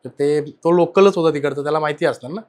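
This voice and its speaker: Animated male storyteller, casual chat. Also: fairly high pitch, quick pace. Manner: animated, swings loud and soft while telling the story. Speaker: guest sharing personal ghost experiences.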